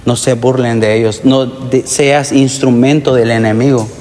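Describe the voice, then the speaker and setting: A man's voice: medium pitch, fairly even intonation, moderate pace, darkish tone, slight background noise. A man preaching a testimony sermon to young people, earnest and addressing them directly with calls for amen. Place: church sanctuary. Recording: long hall reverb.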